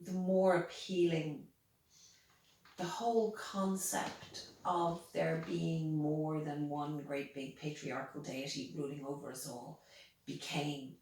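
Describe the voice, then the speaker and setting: Irish female interviewee, slow deliberate delivery, emphatic phrasing, distant and very reverberant recording. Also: low-pitched, steady tone, darkish tone. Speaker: interviewee, pagan priestess. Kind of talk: reflective interview talk. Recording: very echoey room, distant mic.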